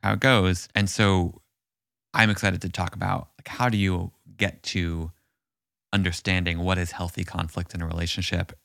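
Deep gravelly-voiced man, thoughtful. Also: level tone, moderate pace, a bit bright, no echo, clean studio sound. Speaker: podcast co-host. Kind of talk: casual relationship chat.

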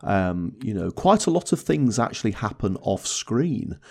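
A man with a fairly low voice talks excitedly about a film on a casual podcast. He often restarts his sentences and breaks into laughter as he recalls scenes. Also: a little slow, creaky. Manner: animated, laughing, many restarts and fillers. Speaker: podcast co-host. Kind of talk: casual film review chat.

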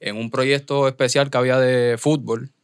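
A Puerto Rican man in his twenties, a podcast guest in a small studio, answering calmly and matter-of-factly. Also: medium pitch, moderate pace, smooth, dry recording. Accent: Puerto Rican Spanish. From Carolina, Puerto Rico. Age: 20s. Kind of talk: casual interview chat.

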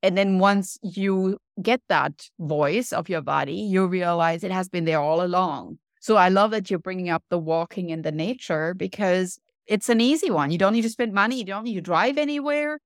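A woman guest on a podcast, a wellness coach explaining her approach in an earnest way, slowing down to stress points. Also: lowish voice, dry recording, studio quality. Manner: earnest, explanatory, slows down for emphasis. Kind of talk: podcast interview.

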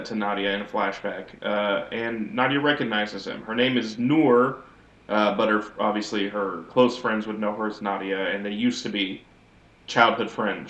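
A man's voice: fairly low pitch, fairly bright tone. A man co-hosting a podcast, giving a wry, rambling recap of a TV episode in casual chat. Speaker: podcast co-host. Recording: echoey audio, as if in a sewer.

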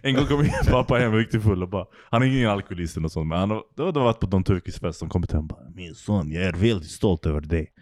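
A man's voice: on the low side, lively intonation, hardly any pauses, a little mellow, dry recording, studio quality. A man co-hosting a podcast, telling rambling stories in casual chat and laughing often. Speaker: podcast co-host.

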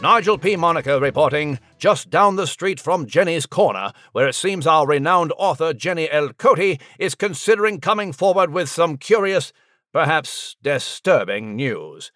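Hammy news reporter, played by a man, lively and sing-song, music under him. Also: a little high, moderate pace, dry recording. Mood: melodramatic. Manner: melodramatic newsreader delivery. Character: showy male TV news reporter, pun-loving.

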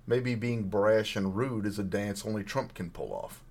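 Hoarse, husky-voiced male podcast host. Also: fairly low pitch, measured pace, a little mellow. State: hoarse, frog in throat. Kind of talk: political news commentary.

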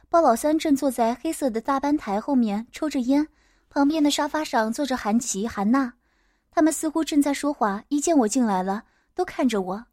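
A woman narrating a first-person story in a steady audiobook manner. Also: sits high, no echo, studio quality.

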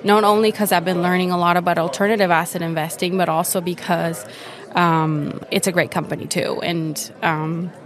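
Young woman from Venezuela, eager explainer with fillers, lower voice, interview at a conference. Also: steady tone, normal speed. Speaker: guest, retirement account specialist. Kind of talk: conversational interview. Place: busy conference floor.

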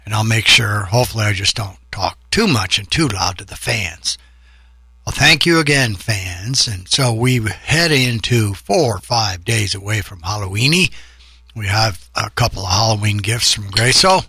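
Chatty guy hosting his show, kinda husky, lowish voice. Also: expressive, moderate pace, sharp tone, no echo, clean studio sound. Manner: loose, chatty, upbeat. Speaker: podcast host. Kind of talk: casual rambling show talk.

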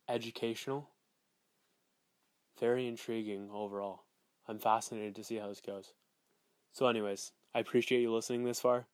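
A man's voice: fairly low pitch, a little mellow, clear, resonant tone, no echo. A man speaking candidly and off the cuff as a podcast host, rambling and repeating for emphasis, recorded on a phone voice memo app. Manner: candid, rambling, emphatic repetition, casual swearing. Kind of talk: casual unscripted solo podcast monologue. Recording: close dry phone voice memo.

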